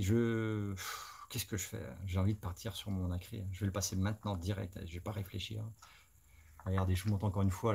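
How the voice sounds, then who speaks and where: A man hosts a live stream in a relaxed, chatty way, thinking aloud as he goes. His voice sits low and has a rough, gravelly texture. He addresses his viewers directly. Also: slight background noise. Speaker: host of a live scale-modeling stream. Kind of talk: casual live-stream chat.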